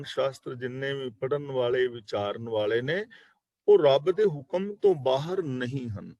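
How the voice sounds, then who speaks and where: A man teaching a scripture class, reciting verses slowly and then explaining each word, at times correcting how a word is pronounced. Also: mid-range voice, no room sound. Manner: corrects pronunciation letter by letter. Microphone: online video call.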